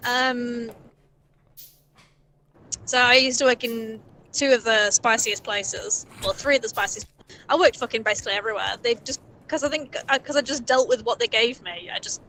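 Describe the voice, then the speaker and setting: Young woman on a voice call from her car, bit high, rambly and sweary, laughs a lot, faint hiss behind. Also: sharp tone, poor audio. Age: early 20s. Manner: rambling, chatty, laughs often, swears freely. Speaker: stream co-host. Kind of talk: casual chat. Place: in a moving car. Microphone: Discord voice call.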